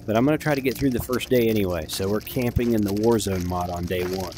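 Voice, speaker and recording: A man's voice: lowish voice, fast talker, background noise. A man giving casual, rambling gameplay commentary as a video host, chatty, informal and self-deprecating.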